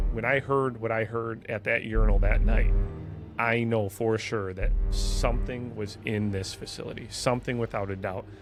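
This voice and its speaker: A man telling a personal ghost story in an earnest, halting way with frequent restarts. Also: mid-range voice. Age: 20s. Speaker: firefighter guest.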